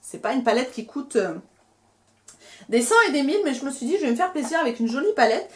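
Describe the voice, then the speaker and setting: A woman's voice: sits high, lively intonation, fast. A young woman chatting casually through a beauty haul, talking with lots of fillers and restarts as she shows and reviews products. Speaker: beauty vlogger.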